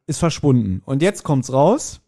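A man co-hosting a podcast, casually retelling a story's plot in a relaxed chat. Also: medium pitch, unhurried, husky. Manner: retells the plot with quoted lines. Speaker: podcast co-host.

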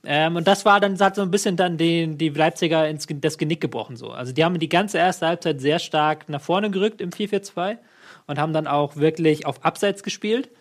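A man's voice: a little high, a little fast. A man talking football in a casual studio chat, arguing his point at length with lots of fillers and restarts. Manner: argumentative, rambling with lots of fillers. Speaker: football pundit.

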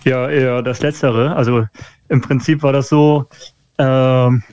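A man's voice: mid-range voice, steady tone, measured pace, darkish tone, clean tone, dry recording. A man calling in over the phone as a guest, chatting casually and hesitantly with lots of filler sounds. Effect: over the phone, a WhatsApp call. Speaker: phoned-in guest, hobby photographer. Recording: dull, dry phone line.

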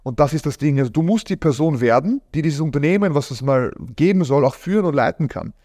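A man in his thirties, an agency founder, talking casually in an interview with many fillers. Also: fairly high pitch. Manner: fast, animated, many fillers.

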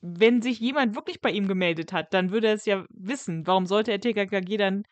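A woman co-hosting a casual podcast, arguing her point in an animated way. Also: mid-range voice, brisk, dry recording. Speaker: podcast co-host.

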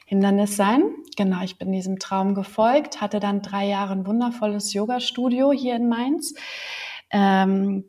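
A chatty woman in her forties, a yoga teacher talking as a podcast guest. She talks at a medium pitch, with lots of fillers and little laughs. Her telling is easygoing and full of small restarts. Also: gravelly, darkish tone, slightly rough. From Berlin, Germany. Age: 40s. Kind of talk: casual interview chat.

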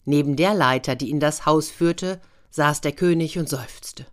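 A woman narrating a fairy tale in a gentle, expressive storytelling manner. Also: low-pitched, a little slow. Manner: gentle, expressive storytelling, brief voices for figures.

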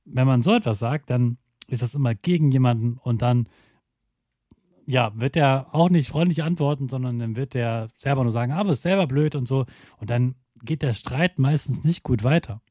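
A man speaking gently and slowly to children as a school speaker, explaining things step by step and acting out short quoted phrases. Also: mid-range voice, no echo, clean studio sound. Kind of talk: scripted podcast talk to children.

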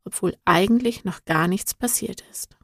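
A woman voicing a patient, wise male guide in a storybook, speaking calmly and softly, often close to a whisper. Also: medium pitch, moderate pace, breathy edge, no echo. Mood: gentle, soothing. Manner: calm, soothing, at times whispered.

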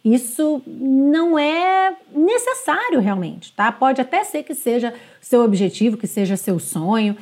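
Slow, careful woman teacher. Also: sits high, sing-song, a little mellow. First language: Portuguese. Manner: patient, repeats phrases slowly and checks in with "tá?". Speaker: English teacher. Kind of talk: pronunciation lesson, modeling sung lines slowly.

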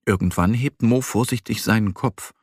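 A man gently and expressively reading a children's story aloud. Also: lowish voice, moderate pace, no room sound, studio quality. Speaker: narrator.

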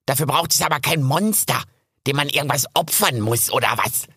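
A man's voice: mid-range voice, brisk, sharp tone, breathy edge, no echo, clean studio sound, pitched above the performer's own voice. A man voicing a chatty, cheerful squirrel in a storybook, talking in a choppy, rambling stream.

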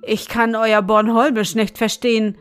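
A woman's voice: a little high, little pitch movement, a little slow, clean tone, soft background music, natural voice. A woman voicing a fretful, bewildered older male councillor who complains plaintively in a storybook reading. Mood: indignant.

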